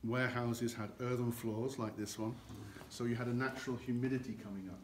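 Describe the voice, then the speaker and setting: Standing in a large, dim barrel warehouse with an earthen floor, an older man explains cognac aging as a guide, gesturing with both hands. His voice sits at medium pitch and stays steady, and he speaks a little fast. A camera a few meters off records him amid echo and faint noise.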